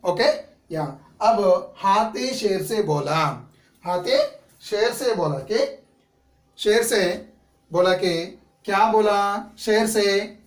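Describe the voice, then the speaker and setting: A man teaching a class, his voice high and his pace slow and careful. He asks the class questions and then answers them himself, and restates every word in English. The sound is echoey and comes from some way off the mic. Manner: explains each Hindi word again in English. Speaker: school teacher. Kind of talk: classroom story lesson. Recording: echoey room, voice from a distance.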